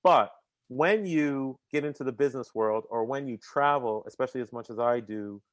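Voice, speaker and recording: Here a male podcast guest talks casually at normal speed, lively and chatty, sprinkling in slang and frequently repeating a word as he begins a sentence. His pitch is middling. The sound is close and dry, with no room sound at all.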